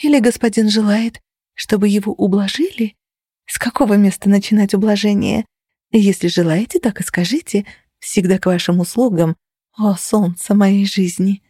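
A woman's voice: medium pitch, fairly even intonation, moderate pace, warm tone, husky, no echo, clean studio sound, lightly acted. Woman doing a sarcastic young heroine. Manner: mocking, theatrical, sarcastic. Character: sarcastic young red-haired woman, mock-servile. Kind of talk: audiobook character voice.

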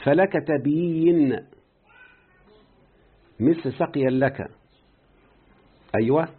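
A man with an Egyptian Arabic accent teaching a grammar lesson, who keeps quizzing his student and slowly repeats words. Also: fairly high pitch, slightly rough. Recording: tinny phone-like line.

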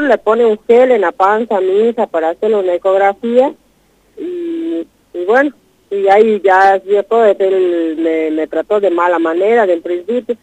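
Heard on a dull lo-fi radio broadcast with no echo, a woman at medium pitch gives an emotional first-person account as a guest. She retells her distressing story urgently and repetitively, in a rush.

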